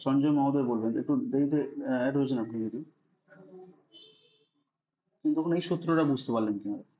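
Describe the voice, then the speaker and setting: A man's voice: mid-range voice, quick pace, phone-quality sound, a little hiss or hum. A man teaching a Sanskrit grammar lesson online, patiently spelling out rules and often checking that students follow. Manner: patient, repeats "ঠিক আছে" to check understanding.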